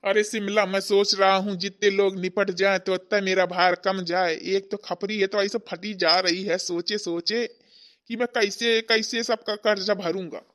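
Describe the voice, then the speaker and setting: A man's voice: high voice, level tone, measured pace, a bit bright. A man voicing an anxious, debt-burdened father-in-law in a cartoon story. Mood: worried. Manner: anxious, sighing. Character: worried indebted father-in-law, husband. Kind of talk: cartoon voice acting.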